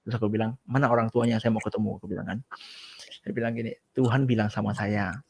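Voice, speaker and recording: A man shares a personal testimony in a relaxed, chatty way and acts out the dialogue he recalls. His voice has a gravelly edge, and it sits dry and close to the mic. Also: lowish voice, fast talker, dry recording. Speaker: guest giving a testimony. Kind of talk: casual storytelling testimony.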